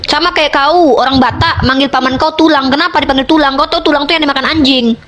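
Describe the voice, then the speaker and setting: A woman's voice: sits high, steady tone, fast, a bit bright. A young Indonesian woman hosting a heated online debate, combative and mocking, talking over her opponent. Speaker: debate host.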